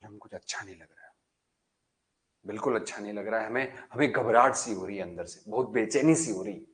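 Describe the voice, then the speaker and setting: A man's voice: lowish voice, brisk, pitched below the performer's own voice, close to an everyday voice. A man voicing a frightened, complaining electrical insulator in a classroom story. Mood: moaning. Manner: moaning and complaining, later shouting threats. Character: frightened, then defiant, talking electrical insulator.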